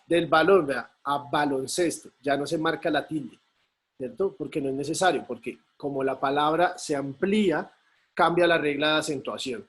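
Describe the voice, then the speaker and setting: A man with a fairly high voice speaks at a normal speed. He's a teacher explaining a lesson over a video call, patient throughout, and he keeps checking in with his students through frequent tag questions.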